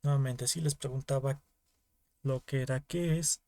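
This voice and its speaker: A man's voice: medium pitch, fairly even intonation, normal speed, mellow, no room sound. A young man with a Bolivian Spanish accent teaching an online class, explaining in small repeated steps and often checking with the students. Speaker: teaching assistant.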